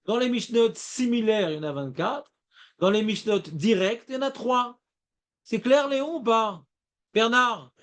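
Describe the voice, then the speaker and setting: A man with a high-pitched voice leads a Talmud class. He explains in a lively, playful way and keeps checking whether his students follow. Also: unhurried. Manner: lively, asks students questions, playful rhymes. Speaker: Talmud teacher.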